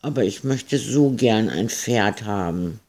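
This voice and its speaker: A man's voice: fairly low pitch, lively intonation, takes it slowly, darkish tone. A man voicing a playful, scheming young farm woman who coaxes and sulks. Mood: pleading. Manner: wheedling, easily hurt.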